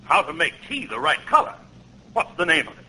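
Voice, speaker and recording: A man's voice: fairly high pitch, very animated, brisk. A man acting a blustery, scolding old Santa Claus with theatrical reproof, on a noisy 1940s radio comedy recording.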